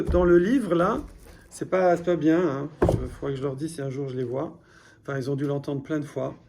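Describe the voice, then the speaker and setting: A man with a fairly high, mellow voice teaches beginners Hebrew in a French-language classroom lesson. His manner is patient: he repeats key words and regularly asks his students "d'accord?" to make sure they follow.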